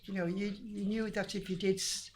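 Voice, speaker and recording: Answering questions in a relaxed interview, an older Mancunian woman with a Lancashire accent reminisces chattily and restarts frequently. Her mid-range voice is a little mellow, with a flat delivery and moderate pace, against slight background noise.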